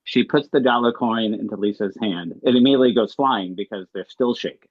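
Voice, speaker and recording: A man's voice: lowish voice, a little fast, no echo, narrow, tinny audio. A man reading stage directions in a matter-of-fact way, over a video call.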